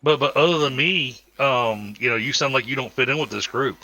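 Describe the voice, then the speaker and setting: With a Southern American accent, a man from the Southern United States hosts a multiplayer game on stream and chats casually, giving long, rambling, easygoing explanations loaded with fillers. He talks fairly quickly at medium pitch, his voice pushed and bright. The recording is dry and rough.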